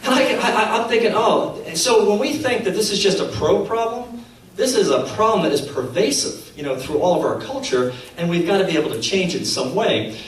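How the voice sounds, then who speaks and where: A man's voice: sits high, expressive, fairly quick, slight background noise. A middle-aged man telling stories to an audience, acting out the quotes and laughing at his own jokes. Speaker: speaker at a faith conference. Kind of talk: storytelling talk to an audience. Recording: very echoey hall, mic at a distance.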